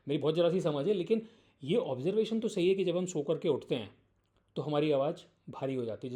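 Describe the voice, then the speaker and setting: Mellow-voiced man musing aloud. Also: fairly high pitch. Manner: thinking aloud, hesitant fillers, mixes English words. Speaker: video host. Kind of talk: casual explanatory monologue.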